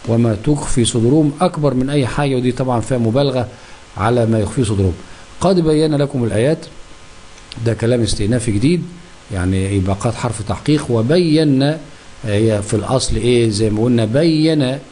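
A man's voice: mid-range voice, fast talker, dark tone, slight background noise. A man with an Egyptian accent teaching a grammar lesson, asking questions and answering them himself. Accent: Egyptian Arabic.

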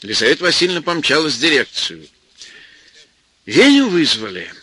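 A man reading an audiobook aloud, telling the story in a lively, expressive way. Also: fairly high pitch, normal speed, husky, no room sound. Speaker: audiobook reader. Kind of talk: scripted narration.

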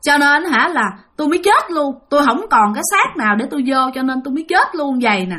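A woman's voice: high voice, animated, quick pace, sharp tone. A woman voicing the reproachful ghost of a young man, in an aggrieved, lamenting tone.

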